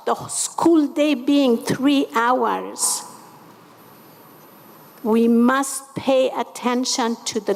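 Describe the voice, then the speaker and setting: A woman's voice: a little high, vocal fry. A woman in her seventies from Afghanistan, an activist speaking on a conference panel in an impassioned, emphatic way. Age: 70s. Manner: impassioned, emphatic, slow and deliberate. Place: large convention hall. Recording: conference hall reverb.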